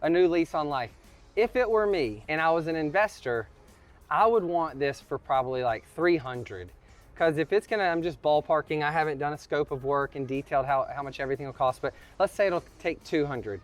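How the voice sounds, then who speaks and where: A real estate host with a voice on the high side leads a house walkthrough at a brisk pace, with faint music behind him. Out of breath after climbing, he jokes and chats his way through prices and renovation costs.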